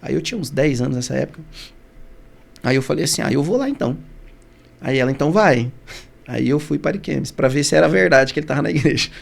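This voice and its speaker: A man's voice: medium pitch, fairly even intonation, quick pace, gravelly. A Brazilian man, a guest on a podcast, telling a personal story with emotion, often restarting his sentences and acting out the voices of the people in it. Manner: emotional retelling, many restarts, acts out quoted voices. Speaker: podcast guest, barbershop founder.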